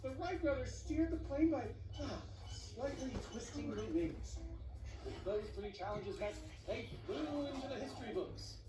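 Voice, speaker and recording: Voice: high-pitched, normal speed, reverberant, far from the mic, noisy background, close to an everyday voice. A performer playing a pompous, theatrical master of explanation in a comedic educational TV sketch. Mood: grandly explaining. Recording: TV played back in room, music behind.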